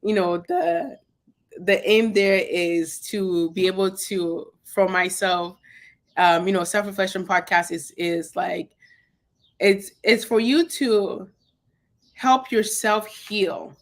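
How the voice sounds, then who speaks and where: A young woman from Cameroon, a guest on a video call interview, speaking in a reflective, soft-spoken way with many fillers. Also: mid-range voice, slow pace. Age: young adult. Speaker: guest, podcast host.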